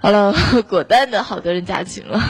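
A woman hosting a live joke show, playful and teasing, with quick asides to her listeners. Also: medium pitch. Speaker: host.

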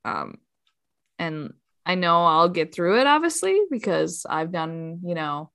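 A woman's voice: lowish voice, very animated, unhurried, creaky, fairly bright tone, smooth. A woman in her late twenties, a teacher, chatting casually with dry, sarcastic humor. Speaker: teacher, podcast guest. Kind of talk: casual chat.

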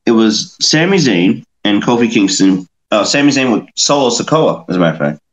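A man's voice: on the low side, very animated, brisk, poor audio. A male podcast host who recaps a wrestling match play-by-play, stumbling now and then and correcting himself. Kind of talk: casual wrestling review podcast.

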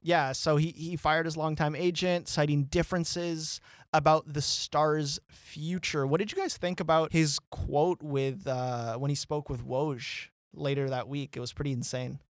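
A man co-hosting a casual sports podcast, animated and teasing, rambling with lots of fillers. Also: a little high, unhurried, dry recording, studio quality. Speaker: podcast co-host.

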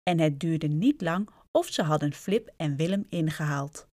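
A woman's voice: low-pitched, expressive, unhurried, darkish tone, no echo, studio quality. A woman reading a children's storybook aloud, speaking directly and expressively to young listeners.

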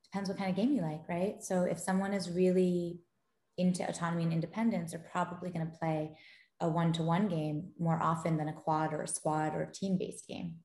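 Speaking briskly in a fairly low voice, a woman guest chats on a podcast about dating and gaming. She's an animated storyteller who gets excited and laughs often, and the casual interview is recorded in an echoey room.

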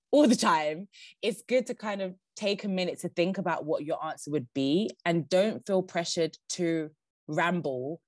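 A woman guest on a podcast giving interview tips, who says she talks fast and laughs now and then. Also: fairly low pitch, dry recording. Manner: fast-talking, laughs often.

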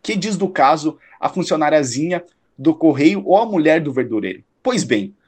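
A man playing a shrewd, self-assured detective in a radio drama, analytical, probing and slightly condescending in a measured delivery. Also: fairly high pitch, expressive, darkish tone. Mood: patronizing, analytical.

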